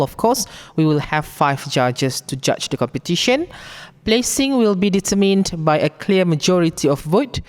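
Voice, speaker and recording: A woman with a Malaysian accent presents a formal briefing, reading out rules in a deliberate, instructive way. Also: sits low. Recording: long echoing hall reverb.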